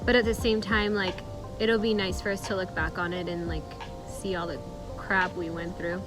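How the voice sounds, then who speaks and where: A woman's voice: lowish voice, little pitch movement, moderate pace, low-quality recording. A woman co-hosting a vlog, chatting casually in informal, conversational phrasing. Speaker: vlog co-host. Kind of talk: casual couple vlog chat. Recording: background music behind speech.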